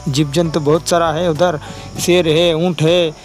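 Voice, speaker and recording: A man hosting a kids' toy video, narrating with excitement and repeating his exclamations over and over. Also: a little high, unhurried. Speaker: host narrating toy play for kids. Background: background music.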